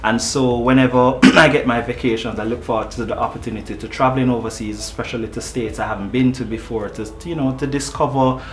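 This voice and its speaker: A man who works as a marketing manager, answering interview questions in a relaxed way, often repeating words as he starts a thought. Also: mid-range voice. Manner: easygoing, halting with repeated words. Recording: echoey room with music behind.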